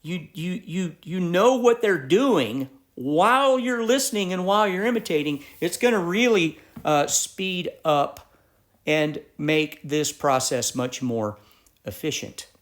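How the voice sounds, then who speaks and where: A man's voice: a little high, lively intonation, unhurried, fairly bright tone. Methodical middle-aged male music teacher. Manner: methodical, explains step by step with frequent restarts. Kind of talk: instructional lesson.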